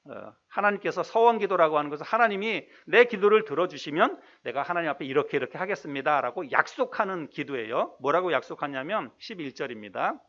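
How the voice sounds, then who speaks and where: A male pastor preaching a sermon in a conversational way, asking the congregation questions and reading scripture slowly. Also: a little high, lively intonation, a bit bright, lo-fi sound. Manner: reads scripture slowly and deliberately.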